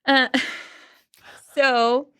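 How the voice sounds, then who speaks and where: A woman's voice: high-pitched, level tone, extremely slow, sharp tone, smooth. Easygoing woman chatting about scripture. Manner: easygoing, laughs easily. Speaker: church podcast co-host. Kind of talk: casual Bible study discussion.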